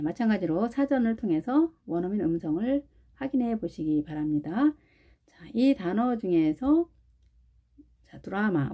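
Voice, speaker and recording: A woman teaching an English phonics lesson, patiently explaining sounds and modeling each word slowly. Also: mid-range voice. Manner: patient, repeats model words slowly, often starts with "자". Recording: dull, lo-fi sound.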